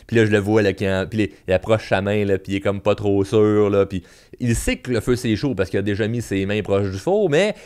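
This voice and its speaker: A man with a Quebec French accent hosting a podcast, telling anecdotes in a casual, animated way full of fillers and restarts. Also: lowish voice, brisk, smooth. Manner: animated storyteller with many fillers and repeats. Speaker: podcast host.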